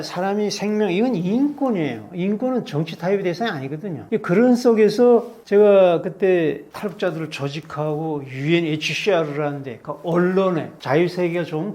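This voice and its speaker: A man's voice: sits high, a little mellow. An older man from North Korea, telling his story in an interview with emphatic, indignant delivery. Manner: emphatic, indignant, acts out quoted officials. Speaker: interview guest, defector activist.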